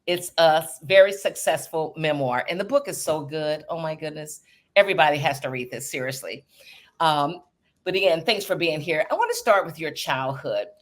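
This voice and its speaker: A woman's voice: deep voice, normal speed. A woman in her fifties hosting a podcast interview, effusive and enthusiastic, with gushing exclamations. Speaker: podcast host.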